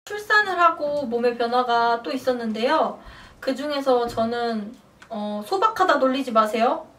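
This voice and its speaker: A woman's voice: on the high side, normal speed, far from the mic. Chatty young woman telling a story. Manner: animated, acts out her own past shouts and quotes. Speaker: vlogger. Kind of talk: casual storytelling to camera.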